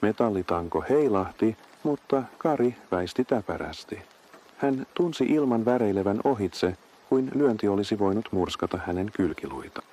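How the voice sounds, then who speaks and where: Low dark-voiced male horror narrator. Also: expressive. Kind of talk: scripted narration.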